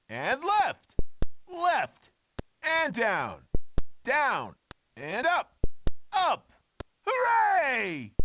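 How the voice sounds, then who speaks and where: A female voice performs a full character voice as an excitable, cocky cartoon video game character, high-pitched and swooping wildly. Her short, exclamatory shouts are drawn out and taunting, with faint noise underneath.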